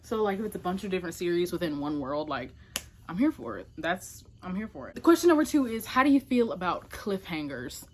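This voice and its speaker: Chatting to camera about books, a woman speaks informally and emphatically, frequently correcting herself and dropping small asides. Her voice is on the low side with a darkish tone, very animated and brisk.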